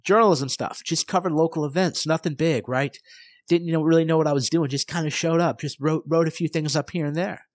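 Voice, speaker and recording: A man's voice: a little high, brisk, no room sound, clean studio sound. Fired-up, emphatic man hosting a podcast. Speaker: podcast host. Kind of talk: solo motivational podcast monologue.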